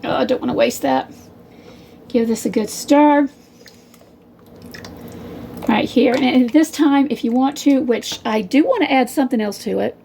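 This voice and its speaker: A friendly woman talks her way through a home recipe in a loose, rambling style, calling her viewers y'all. Her voice sits a little high for a woman. Faint clatter of dishes and pans comes from her kitchen behind her. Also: moderate pace, gravelly, long pauses, warm tone, slight background noise. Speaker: home cook, channel host. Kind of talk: casual cooking demonstration.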